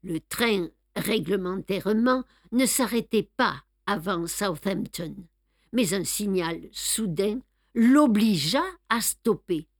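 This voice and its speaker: A woman presenting a book reading on radio, taking her time over each phrase in a careful storytelling manner. Her voice is mid-pitched and sounds close and dry, with no room around it. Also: expressive, takes it slowly, dry recording. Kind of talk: audiobook reading.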